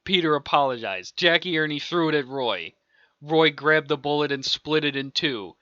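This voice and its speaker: A man with a slightly high, bright, forceful voice narrates an improvised audiobook story at a moderate pace, chuckling between lines and wandering off track. He's an amateur reader, and the home recording is dull, lo-fi and dry, with no room sound.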